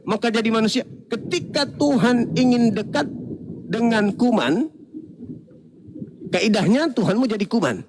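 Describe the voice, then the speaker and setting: A man's voice: extremely high pitch, expressive, measured pace, pauses often, a little mellow, slight background noise. A man hosting a debate, arguing mockingly and acting out animals that complain. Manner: mocking, acts out animal voices. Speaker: debate host. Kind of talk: comic argument.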